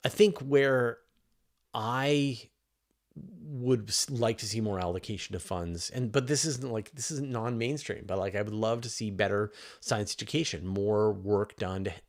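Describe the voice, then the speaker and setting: At a measured pace, a low-voiced science journalist hosts his science question show as a casual livestream Q&A. He reads questions and answers off the cuff, emphatic and conversational, often rephrasing mid-thought.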